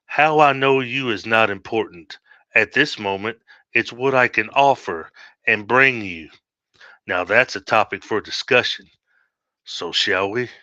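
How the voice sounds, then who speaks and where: A man voicing a quiet tempting demon. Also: lowish voice, unhurried, no echo, lo-fi sound. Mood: menacing calm. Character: smooth sinister male demonic entity, tempting.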